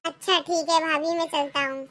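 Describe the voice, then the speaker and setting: A woman puts on a cheeky young groom for a village cartoon. The voice is very high and bright, with a boyish, chirpy way of talking. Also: fairly even intonation, normal speed. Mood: chatty. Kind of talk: cartoon dialogue.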